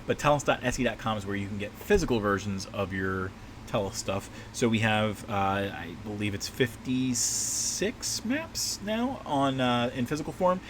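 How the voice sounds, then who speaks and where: A man with a lowish, slightly scratchy voice hosts a casual livestream from a small home desk, speaking at normal speed. He's a map maker chatting loosely while he works, rambling and relaxed, with plenty of fillers and restarts. A steady air-conditioner hum runs behind his voice.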